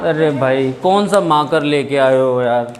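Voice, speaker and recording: A man's voice: mid-range voice, unhurried, a crowd in the background. A young male teacher in a classroom, explaining English grammar in Hindi mixed with English and joking with students. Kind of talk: classroom lesson.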